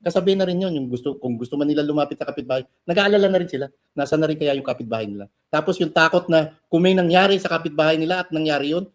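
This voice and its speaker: A man's voice: a little high, very fast, hardly any pauses. A man co-hosting a political commentary show, earnest and critical, building to emphatic points. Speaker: co-host.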